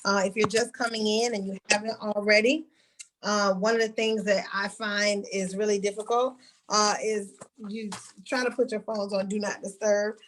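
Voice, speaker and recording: A woman's voice: mid-range voice, level tone, normal speed, a bit bright, poor audio. A woman hair school instructor leading an online orientation over a video call, calling on students by name in a friendly, directive way.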